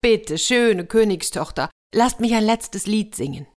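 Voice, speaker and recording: A woman's voice: sits low, moderate pace. A woman voicing a desperate young male soldier in a told fairy tale, pleading and plaintive.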